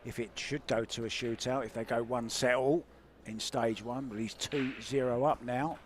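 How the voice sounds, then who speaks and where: A man's voice: mid-range voice, fairly even intonation, moderate pace, a little hiss or hum. A man doing live play-by-play commentary on a pool match, chatty and informative in an upbeat way.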